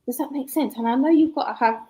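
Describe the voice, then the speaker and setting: A woman's voice: high voice, fast talker, dark tone, low-quality recording. A woman, chatting casually as a guest author, reflective and laughing often. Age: 40s. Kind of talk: casual live chat.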